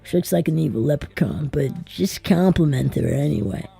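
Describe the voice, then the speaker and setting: A woman's voice: low voice, expressive, moderate pace, vocal fry, dark tone, husky, heavily acted. A woman reading an audiobook, voicing a brash, anxious young male author who narrates with wry, profane inner monologue. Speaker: audiobook reader.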